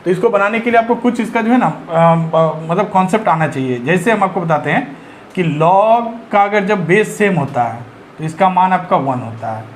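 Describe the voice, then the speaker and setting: A man's voice: high-pitched, lively intonation, moderate pace, slight background noise. A man teaching maths for exam preparation, working through each sum step by step and answering his own questions as he goes. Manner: works through sums step by step, asks and answers himself. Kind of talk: exam-prep maths lesson.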